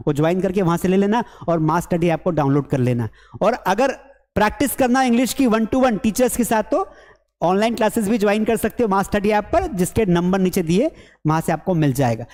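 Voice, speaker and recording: A man teaching an online spoken English class, lively and teasing, who acts out his learners' mistakes. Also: high voice, long reverb tail.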